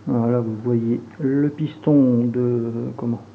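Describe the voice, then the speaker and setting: A man's voice: mid-range voice, slow, creaky. A man from Franche-Comté with a regional French accent, casually unboxing and demonstrating gear as a reviewer, hesitant and full of fillers. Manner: relaxed, hesitant, many fillers while handling gear. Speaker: airsoft reviewer. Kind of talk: casual product unboxing and demo. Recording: tinny phone-like sound, faint hiss.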